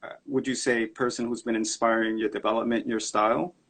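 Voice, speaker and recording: A man's voice: mid-range voice, level tone, brisk, a bit bright, husky. A man hosting an interview over a video call, asking long, enthusiastic questions. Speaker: interviewer host. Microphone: laptop webcam on a video call.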